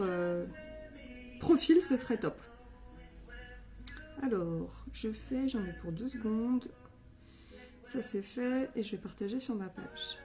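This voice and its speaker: A woman in her thirties, chatty and excitable on a live stream, greeting viewers by name while her nose is stuffed up from a sinus infection. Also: high voice.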